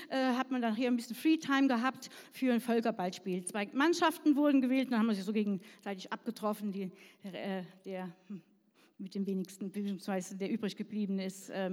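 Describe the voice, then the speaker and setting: A woman's voice: a little high, a little mellow. Chatty woman preacher in an echoing hall. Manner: chatty, self-deprecating, asks "ja?" to the audience. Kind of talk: sermon with personal story.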